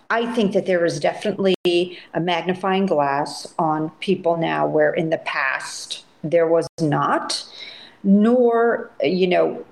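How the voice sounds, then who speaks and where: A middle-aged woman speaking as a dietitian guest in a casual interview, animated and often repeating words as she starts a thought. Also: lowish voice, vocal fry, slight background noise, low-quality recording.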